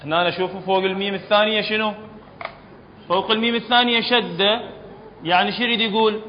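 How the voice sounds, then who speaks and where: A high-pitched Iraqi man teaches Quran recitation rules to a class, pausing often to make sure everyone follows. His voice carries a long hall reverb, and the recording is dull and lo-fi with faint noise underneath. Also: fairly even intonation. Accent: Iraqi Arabic. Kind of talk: classroom tajweed lesson.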